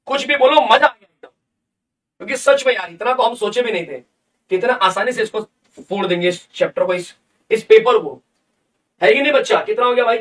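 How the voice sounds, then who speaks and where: A man, a chemistry teacher in a live online lesson, playful and chatty, calling his students kids. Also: high-pitched. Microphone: desk mic on a livestream. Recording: distant, somewhat echoey livestream sound.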